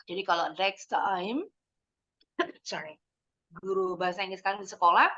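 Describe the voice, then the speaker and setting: A woman English teacher leading a kids' lesson, slowly modeling words for the class to repeat, mixing English phrases into her explanations and praising answers. She clears her throat often. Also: mid-range voice, bright, forceful tone, highs cut off. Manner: encouraging praise after answers. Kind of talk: online English lesson for kids.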